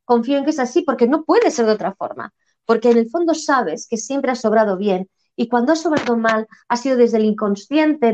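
A woman's voice: a little high, a little mellow, slight background noise. A woman from Spain in an earnest, reflective spiritual conversation, repeating phrases for emphasis. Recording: dull lo-fi sound.

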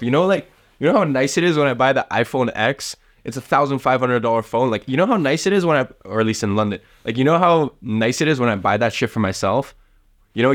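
A young man in his late teens from the south of Russia, giving casual motivational advice to camera, rambling and swearing often. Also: on the low side. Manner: rambling, swears often, heavy use of fillers. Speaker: vlogger giving life advice.

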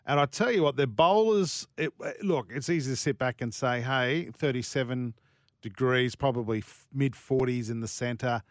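A man's voice: medium pitch, normal speed, no echo, studio quality. An Australian man hosting casual sports radio, emphatic and given to repeating himself. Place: dry radio studio.

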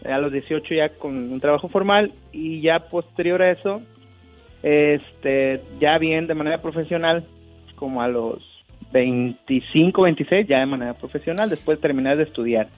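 A man calling in to a radio show, agreeable and quick to affirm. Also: a little high, narrow, tinny audio, soft background music. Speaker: caller. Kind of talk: phone-in chat.

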